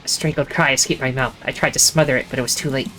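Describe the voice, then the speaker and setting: A streamer reads a visual novel aloud in the first person, breaking off for casual asides, jokes and laughter. The medium-pitched voice is steady, quick and a bit bright, with faint music behind it on a rough recording.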